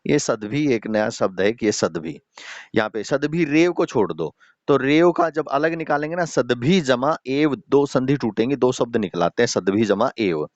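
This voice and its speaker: Male teacher, mid pitch, patient and explanatory, questions the class, muffled dry call audio. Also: lively intonation, a little mellow, dry recording. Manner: explains slowly, often checks in with "ठीक है"; addresses students directly, asks questions. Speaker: Sanskrit teacher. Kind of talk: online class lesson.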